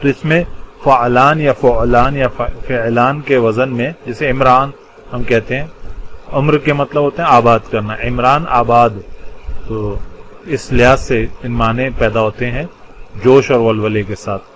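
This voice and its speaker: A man teaching a Quran lesson, in a voice of middle pitch. He explains slowly and carefully, pausing between phrases and stressing key terms. Faint background noise sits under the recording. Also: steady tone, a bit bright, low-quality recording. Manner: explains patiently with pauses, stresses key words. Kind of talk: religious lesson explaining Arabic word patterns.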